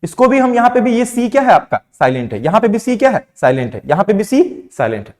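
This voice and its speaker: A man's voice: sits high, sing-song, fast talker. A young man from India teaching pronunciation in a classroom lesson, asking questions and answering them himself. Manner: asks questions then answers them himself, mixing Hindi and English.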